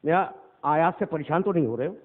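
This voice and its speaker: Male cleric, sermon delivery with loud declaiming and low murmurs; high, raspy voice on a lo-fi recording. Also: animated. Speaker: Shia cleric delivering a majlis. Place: imambargah hall. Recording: tinny phone-like lo-fi recording.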